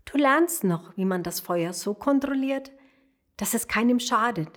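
A woman as a gentle mother dragon. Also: on the high side, lively intonation, unhurried. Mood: reassuring. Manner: gentle, reassuring, explaining.

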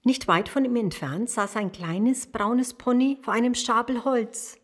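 A woman reading a children's story aloud, soft and expressive, addressing the young listener. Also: fairly high pitch, unhurried.

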